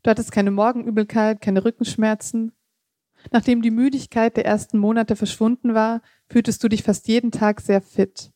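Woman author, measured literary reading, warm mellow tone, dry close sound. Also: on the high side, flat delivery, no echo. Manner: measured reading with occasional slips and casual asides. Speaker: author reading her own text.

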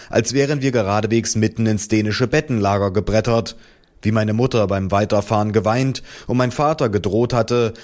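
Deadpan male audiobook narrator. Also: lowish voice. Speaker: reader of a humorous story. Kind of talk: first-person audiobook narration.

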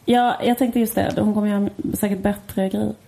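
A woman's voice: mid-range voice, gravelly, slight background noise. A woman co-hosting a podcast in casual chat, telling stories animatedly. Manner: animated storytelling, acting out quotes. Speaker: podcast co-host.

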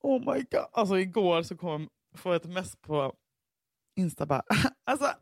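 A man with a somewhat high voice co-hosts a casual podcast chat, animated and free with swear words. He acts out other people's lines in a raised voice. The sound is dry and close, with no room in it. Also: dry recording. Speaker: podcast co-host.

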